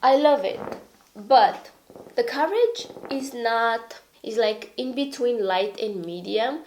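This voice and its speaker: A beauty vlogger with a fairly high, darkish voice chats through a casual makeup review. Her cold leaves her sounding stuffy and raspy as she rambles, pokes fun at herself, and keeps tossing in "okay?" asides.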